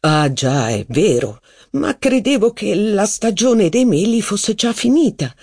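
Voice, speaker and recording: A man's voice: high-pitched, big pitch swings, unhurried, darkish tone, voice pushed up, heavily acted. A reader voicing a hesitant male historian who speaks apologetically.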